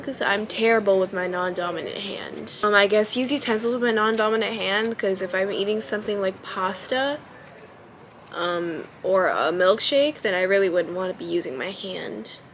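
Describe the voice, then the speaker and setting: Speaking at a medium pitch, this young female vlogger has a baby-ish, childlike voice and talks to camera from home in a relaxed, hesitant way. She thinks out loud, filling pauses with lots of ums. A little hiss or hum sits under the audio.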